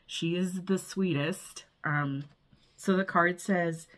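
A woman's voice: fairly low pitch, fairly even intonation, slow pace. A woman filming a casual unboxing vlog, bubbly and gushing, often breathless with delight. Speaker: vlogger.

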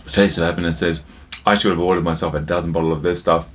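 A man's voice: low voice, steady tone, fast, slight background noise. A man hosting a casual drinks review vlog, chatty and jokey, talking straight to his viewers and telling a joke along the way.

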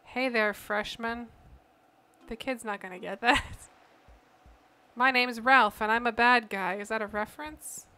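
A woman's voice: fairly high pitch, measured pace, long pauses, pushed and bright, smooth. A woman streaming a game, reading web pages aloud with incredulous, sarcastic asides. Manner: incredulous, sarcastic, reads website text aloud with dry asides. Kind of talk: casual gameplay commentary.

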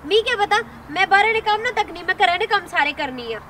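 A woman's voice: very high voice, expressive, fast. A woman playing a poor tenant's wife who pleads with the landlord, speaking with a Pothwari Punjabi accent. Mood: pleading. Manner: pleading, meek. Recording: distant mic, outdoor noise.

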